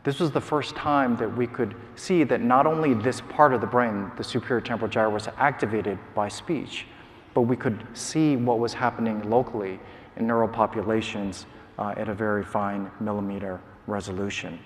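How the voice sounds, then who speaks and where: A man giving a measured, explanatory academic lecture in a large conference hall, with occasional filler sounds. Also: on the low side, steady tone, slight background noise. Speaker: scientist giving a prize lecture.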